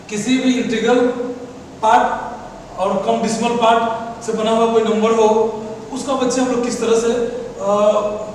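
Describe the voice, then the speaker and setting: A male math teacher giving a lesson, addressing his pupils as children, asking questions and answering them himself, and reading out digits slowly one by one. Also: very high-pitched, a little mellow, slight background noise. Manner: keeps calling the listeners "children" and asks questions he answers himself. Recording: very echoey long reverb from far off.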